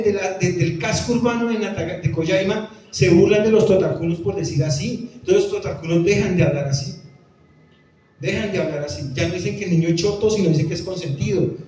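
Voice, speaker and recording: At a conference, a Pijao-language lecturer with a Tolima Colombian Spanish accent fields audience questions in a high, warm voice, stressing points, repeating himself and acting out what others said. He sounds far away in an echoey hall, with a slight hiss or hum.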